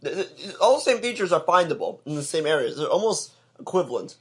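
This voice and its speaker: Young man, podcast co-host, relaxed chatty talk, slightly high husky voice. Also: fast talker. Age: young adult. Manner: laid-back, chatty, filler-heavy. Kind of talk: casual chat.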